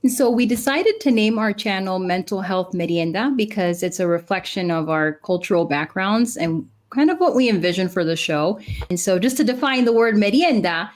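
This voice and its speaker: A woman in her forties of Cuban and Dominican background co-hosts a casual podcast chat, where she also works as a clinical psychologist. She explains things earnestly, with many "uh" fillers, in a medium-pitched voice with lively intonation at a normal speed.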